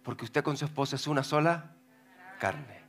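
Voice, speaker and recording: A male pastor giving a lively, joking sermon in church, acting out voices as he reads scripture. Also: medium pitch, moderate pace. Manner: animated, joking, acts out voices while reading scripture.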